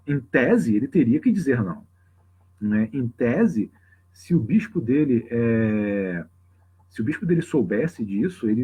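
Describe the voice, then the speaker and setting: In slightly dull, lo-fi livestream audio, a husky-voiced man with a Brazilian Portuguese accent leads a live open religious class. His medium-pitched voice is warm, and he talks conversationally and spontaneously, frequently tagging questions onto his points for the audience.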